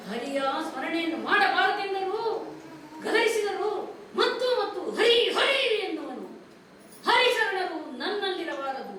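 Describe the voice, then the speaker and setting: A woman's voice: very high voice, big pitch swings, a little slow, fairly bright tone, full character voice. A woman voicing a wrathful demon king and father in a solo stage recitation of a mythological play, speaking in a commanding way. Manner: commanding, stern. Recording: echoey hall from far off, faint noise.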